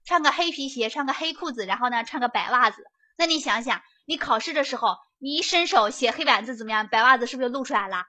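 A woman giving a lively prep lecture, chatty and often checking that students follow along. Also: a little high, quick pace. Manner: chatty, keeps asking students to confirm.

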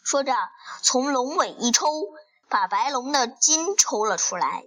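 A woman reading a children's story aloud in a halting way, with fillers and restarts. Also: high-pitched, expressive, fairly bright tone, rough recording.

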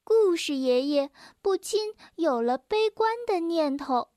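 Slow, gentle woman reading a storybook. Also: extremely high pitch, expressive, no echo, clean studio sound. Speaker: children's story reader. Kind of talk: reading a children's story aloud.

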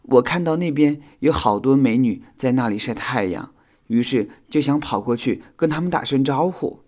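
A man's voice: mid-range voice, lively intonation, moderate pace, darkish tone, pitched above the performer's own voice, lightly acted. A man voicing a clumsy, sulky male insect in a children's audio storybook, talking in a whiny, apologetic way.

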